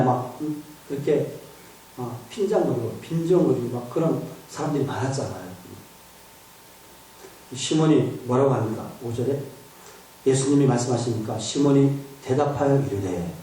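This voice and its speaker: 유머 섞인 설교를 하는 남성 목사. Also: male voice, mid-range voice, normal speed, mellow. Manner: humorous, asks the congregation questions. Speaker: pastor. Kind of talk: sermon. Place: church sanctuary. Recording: echoey hall from far off.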